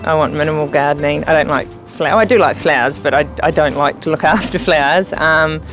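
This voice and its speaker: A woman's voice: low-pitched, brisk, a bit bright, soft background music. A woman, chatting bluntly and informally as a homeowner. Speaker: homeowner on a renovation show. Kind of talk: casual chat.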